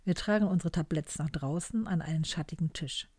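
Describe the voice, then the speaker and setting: Female narrator, measured storytelling, mellow tone, dry close sound. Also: low-pitched, breathy edge, dry recording. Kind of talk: first-person story reading.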